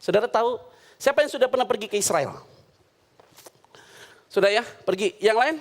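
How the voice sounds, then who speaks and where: Man, pastor, high voice, lively sermon full of jokes. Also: normal speed. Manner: animated, joking, acts out voices in anecdotes. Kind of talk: sermon with comic storytelling. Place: church.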